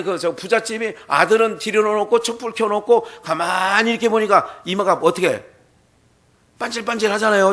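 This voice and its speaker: A male pastor preaching a sermon in a church, telling a folk tale in an animated way and asking the congregation questions. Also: high voice. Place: church sanctuary.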